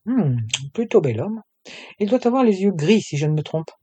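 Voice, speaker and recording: A man's voice: high-pitched, animated, normal speed, warm tone, husky, dry recording, voice pushed up. A man voicing a playful, teasing young woman who runs a clothing shop with her friend. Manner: teasing, bold.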